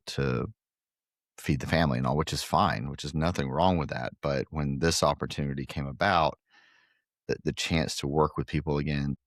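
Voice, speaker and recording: This middle-aged Guatemalan man, a podcast guest who owns a pickleball facility, speaks earnestly in a casual interview, filling it with fillers and restarts. He has a bass voice, recorded cleanly in a studio with no echo.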